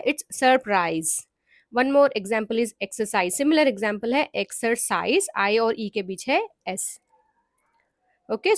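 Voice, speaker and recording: Lady teaching phonics, spells stuff out letter by letter, really slow, dry close sound. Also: fairly high pitch, no echo. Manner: mixes Hindi and English, spells words letter by letter. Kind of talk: explaining phonics rules.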